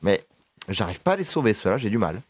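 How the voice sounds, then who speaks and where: A man giving casual gameplay commentary, excitable and swearing, chatting to his horse as he plays. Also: lowish voice, brisk, husky, no room sound. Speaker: gaming video creator.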